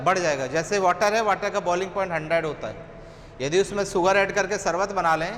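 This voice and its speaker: A middle-aged man with an Indian accent teaching chemistry, dictating notes slowly and repeating phrases word by word. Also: sits high, fairly bright tone. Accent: Indian English. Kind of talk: dictating a lecture. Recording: echoey room, long reverb, faint noise.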